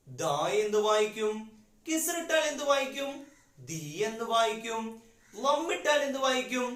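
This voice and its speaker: A man's voice: very high-pitched, fairly bright tone. Patient teacher man drilling children. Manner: slow, patient, drilling repetition and questions. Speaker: madrasa teacher. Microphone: phone. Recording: echoey room.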